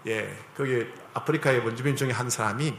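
A man's voice: mid-range voice, a little fast, fairly bright tone, roomy sound, slight background noise. A man preaching a sermon as a pastor in a conversational style, often asking the congregation for agreement.

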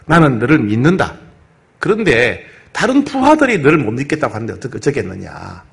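A male preacher playing an older foreign king who gently persuades a subordinate to go home. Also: mid-range voice, huge pitch swings, brisk, creaky. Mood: placating.

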